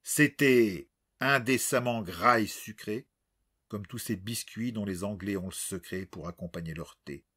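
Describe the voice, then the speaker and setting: A man narrating an audiobook with expressive, dramatic storytelling. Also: fairly low pitch, a little slow, breathy edge.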